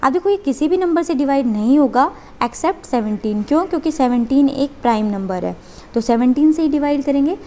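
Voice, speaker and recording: High-voiced woman teaching maths. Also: expressive, brisk, mellow. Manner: step-by-step explaining, asks and answers own questions. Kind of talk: whiteboard maths lesson.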